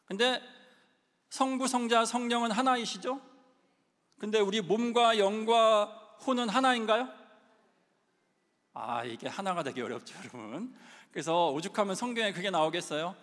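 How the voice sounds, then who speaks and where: A man giving a sermon, telling his own story and putting questions to the listeners. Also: sits high. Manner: lively, asks the audience questions, acts out his own past shouting. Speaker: preacher. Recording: long reverb of a large hall.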